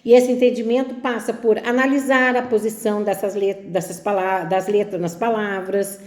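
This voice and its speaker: A woman's voice: mid-range voice, steady tone, normal speed, darkish tone. Woman teaching in an echoey room. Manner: explanatory, asks questions, frequent checking "tá?". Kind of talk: spelling lesson for teachers.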